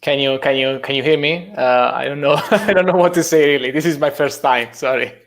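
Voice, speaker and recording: A man from Italy, a software developer answering a host's questions shyly and hesitantly, laughing now and then. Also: medium pitch, fairly quick. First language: Italian. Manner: modest, hesitant, laughs often. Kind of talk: casual interview answers.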